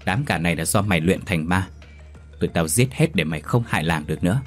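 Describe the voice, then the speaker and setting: A spiteful old village schemer who barks orders and gloats, as a male storyteller voices him. His voice is deep, with soft music beneath. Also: lively intonation, fast talker. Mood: commanding.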